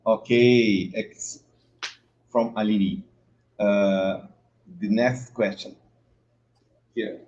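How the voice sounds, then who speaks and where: A man's voice: on the low side, fairly even intonation, very slow, pauses often, darkish tone. Man hosting, dull lo-fi audio. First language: Portuguese. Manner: brief acknowledgments, switches between English and Portuguese. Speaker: live-stream host. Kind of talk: casual live-stream interview.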